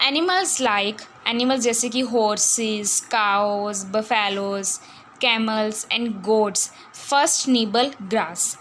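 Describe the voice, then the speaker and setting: A woman with an Indian accent teaching a science lesson, reading English lines slowly and then explaining them in Hindi mixed with English, asking herself questions and repeating words. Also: a little high, a bit bright, a little hiss or hum.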